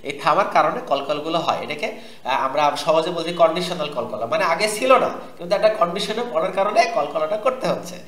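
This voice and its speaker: Guy teaching quran reading, high bright voice, repeats every word slow and patient, echoey room. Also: lively intonation. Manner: patient drilling, repeats each word slowly, asks the class to echo. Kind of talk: tajweed lesson, spelling out and drilling words.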